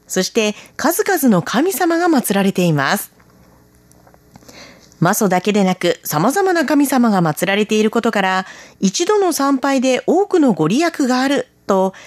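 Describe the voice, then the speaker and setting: Woman, radio travel presenter, gentle explanatory read, lively pitch, dry close studio mic. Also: no room sound. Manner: gentle, explanatory, friendly recommendations. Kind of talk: scripted travel narration.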